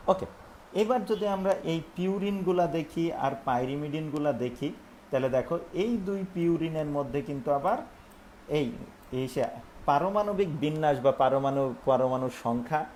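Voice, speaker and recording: A man's voice: mid-range voice, darkish tone, slight background noise. A male teacher giving a recorded online lesson, explaining step by step and asking and answering his own questions. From Bangladesh.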